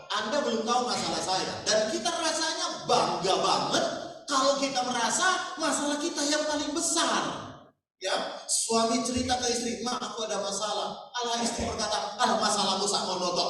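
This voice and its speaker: A man's voice: very high-pitched, pushed and bright. A man, preaching a sermon as pastor and acting out worried churchgoers. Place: church hall. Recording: echoey hall, voice from far off.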